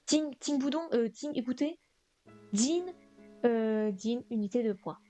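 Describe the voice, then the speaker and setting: A woman with a rather high, dark-toned voice speaks at a measured pace over soft background music. She's live-streaming a study session while revising Chinese vocabulary, thinking aloud and frequently correcting herself.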